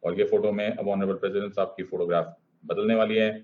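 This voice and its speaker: A male teacher giving a classroom lecture in a mix of Hindi and English. He repeats key phrases, counts out loud and keeps checking whether the students follow. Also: lowish voice, steady tone, quick pace. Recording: dull lo-fi recording.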